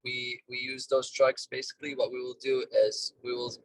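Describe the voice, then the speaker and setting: A man talking over a car speakerphone while driving, a business owner giving plain, halting explanations in a casual interview. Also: mid-range voice, monotone, dry recording. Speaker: duct cleaning business owner, guest. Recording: distant car speakerphone call.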